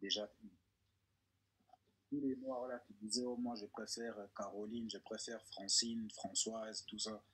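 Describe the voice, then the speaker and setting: A joking man from Congo speaking with a French suburban accent, his voice bright and a little husky. He talks playfully and keeps leaping up into a high, exaggerated voice for comic effect. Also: level tone, measured pace. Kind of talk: joking casual chat.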